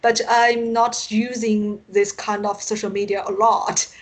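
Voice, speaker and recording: A science fiction writer from China, a native Mandarin speaker, talks casually as an interview guest with a Chinese accent, often searching for words. Her voice is medium in pitch with little pitch movement. She speaks in an unhurried way.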